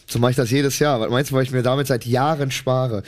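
A man's voice: mid-range voice, steady tone, fast. A man co-hosting a comedy podcast in casual chat, rambling and slangy with crude humour.

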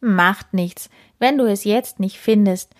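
A woman voicing a friendly, calm and patient mole in a storybook reading. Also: mid-range voice, slow, close to an everyday voice.

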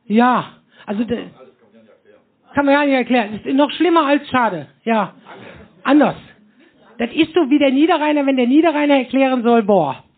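Chatty high-voiced man on stage. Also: animated, normal speed, pauses often. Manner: rambling, constant tag questions "ne?". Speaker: host of a live podcast show. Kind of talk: chatty live stage talk to an audience. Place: hall with a live audience. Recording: muffled phone-like live recording.

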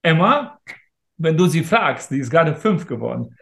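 A man's voice: fairly high pitch, very animated, moderate pace, gravelly, fairly bright tone. A man in his thirties, an interview guest talking in a casual, emphatic and motivational way. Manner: emphatic, motivational, talks straight to listeners. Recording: roomy echo.

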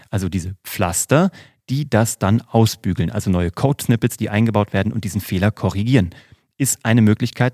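A man's voice: on the low side, a little mellow, no room sound, studio quality. A man hosting a podcast as a coach, giving a motivational monologue and addressing the listener informally and directly.

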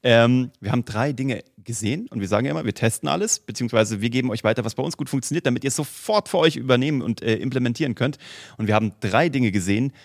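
Lebhafter Podcast-Moderator, trocken aufgenommen. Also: male voice, medium pitch, vocal fry, no echo, clean studio sound. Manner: lively, laughs often, quick storytelling. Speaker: podcast co-host. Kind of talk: casual podcast chat.

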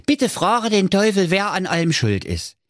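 A man voicing shrill, quarrelsome fairy-tale villagers who bicker and plead. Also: big pitch swings, moderate pace, a bit bright, no echo, studio quality.

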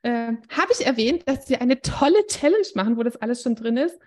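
A woman host chats in an eager, rambling way, tossing in fillers and racing through asides. Her voice sits a bit high. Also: animated, a little mellow. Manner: enthusiastic, rambling, quick-talking. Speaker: podcast host. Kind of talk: casual podcast conversation.

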